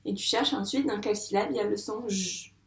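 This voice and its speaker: A woman with a creaky, mid-range voice guides a young child through phonics, patiently sounding out words syllable by syllable. As a first-grade teacher, she keeps the pace slow and the syllables drawn out, and the space sounds echoey.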